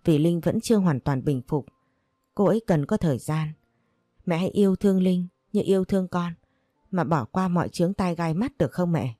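A woman voicing a grown son who pleads softly with his mother. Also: on the low side, moderate pace, dry recording, clean studio sound, close to an everyday voice. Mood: pleading. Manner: soft, pleading.

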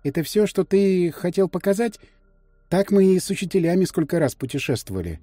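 Brief: male narrator doing a prim, skeptical schoolgirl, mellow tone, audiobook. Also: sits high, animated, fairly quick, no echo, faint music behind. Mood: unimpressed. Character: sensible curious schoolgirl, prim. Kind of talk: audiobook character voice.

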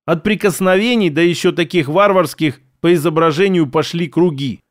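A man narrating an audiobook in an even storytelling manner on a close microphone. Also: on the high side, moderate pace, dry recording.

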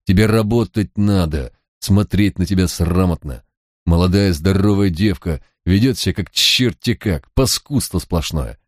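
A man's voice: sits low, a little slow, no room sound, clean studio sound. A man voicing a shrewd, cocky male police detective who talks in a mocking, coaxing drawl. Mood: coaxing mockery.

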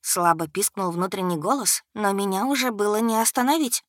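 A woman narrating a first-person audiobook in an expressive, steady storytelling manner. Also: mid-range voice, a little fast, no echo, studio quality.

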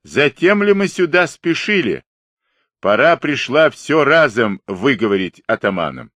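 A man's voice: mid-range voice, very animated, a little slow, fairly bright tone, dry recording, voice pushed up. A man voicing a big, pockmarked, rebellious Cossack who rants with grievance. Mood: angry shouting. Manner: ranting, aggrieved.

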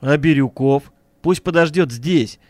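A man's voice: fairly high pitch, unhurried, dry recording, close to an everyday voice. Audiobook role: a man playing a level-headed bodyguard, firm and plain-spoken, dry close read. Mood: insistent. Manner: calm, firm, matter-of-fact. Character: cool-headed male bodyguard, reasoning and firm.

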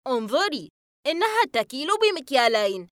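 A woman's voice: high-pitched, big pitch swings, a little fast, a bit bright, no echo, clean studio sound, voice pushed up. Woman reading a snappy cocky young man. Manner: snappy, irritated.

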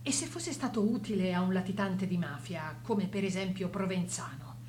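An actress plays an older mother grieving her dead son, a doctor, who refuses to believe he is gone, in a pained and dramatic radio drama monologue. She sounds pained and indignant. Her voice is natural, medium-pitched, and darkish, at a moderate pace, with slight background noise.

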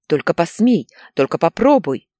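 A woman's voice: sits low, very animated, fairly quick, a little mellow, slightly rough, no room sound, clean studio sound, exaggerated voice. A woman voicing a desperate young mother who screams shrilly and tearfully. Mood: hysterical.

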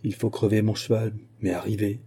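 A man voicing a fierce, desperate musketeer captain in an audiobook, shouting his lines with passion. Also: lowish voice, level tone, fairly quick, vocal fry, slightly rough. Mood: tense. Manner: shouting, impassioned. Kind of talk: audiobook character voice.

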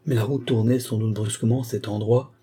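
A man reading a classic novel aloud in measured, literary narration. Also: on the low side, fairly even intonation, mellow, husky. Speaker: audiobook reader.

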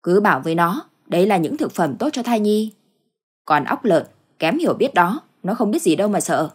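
Woman voicing a grumpy nasty old father-in-law, husky. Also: mid-range voice, sing-song, moderate pace. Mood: spiteful. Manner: grumbling, spiteful. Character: old father-in-law, spiteful and slow-witted.

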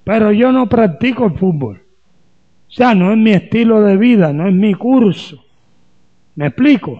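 A man's voice: sits high, expressive, normal speed, dull audio. A man from Colombia, a pastor preaching a sermon with humor and rhetorical questions.

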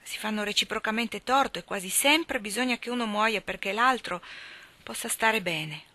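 A woman's voice: mid-range voice, moderate pace, sharp tone, voice pushed up, natural voice. A woman reading aloud, voicing a worried farm mother who speaks anxiously and pleadingly.

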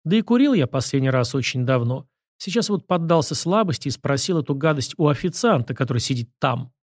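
A man voicing a dry, ironic government curator in an audiobook, somewhat higher and more lively than his narration. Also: fairly quick, no echo, natural voice. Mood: wry. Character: wry reserved male official curator. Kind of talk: audiobook character voice.

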